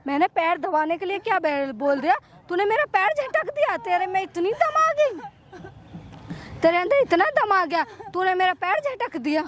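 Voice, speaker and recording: A woman plays a greedy, bullying young daughter-in-law in a staged street skit. She scolds in a very high voice, hammering the same threats and commands over and over. Faint noise of the open air by a river. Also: expressive, normal speed. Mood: threatening. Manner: scolding, threatening, repeating orders. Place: outdoors by a river.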